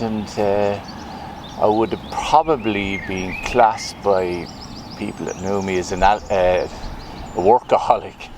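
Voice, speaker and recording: A man's voice: on the low side, a little hiss or hum. A middle-aged Irish man, a retired butcher, telling his story in an interview, hesitant and reflective with many fillers. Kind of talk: personal testimony interview.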